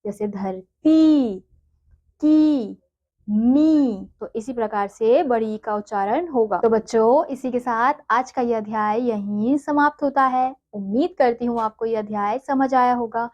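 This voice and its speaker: Woman teacher, higher voice, unhurried children's reading lesson, dull lo-fi sound. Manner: slow, drawn-out syllable spelling, then brisk questions. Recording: dull lo-fi recording.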